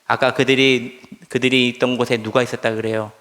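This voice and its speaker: A man of medium pitch preaches in a church sanctuary. He presses his points emphatically and guides the congregation in call-and-response reading. His voice carries a long reverb off the hall's walls. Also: level tone, fairly quick, fairly bright tone. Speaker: pastor. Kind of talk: sermon.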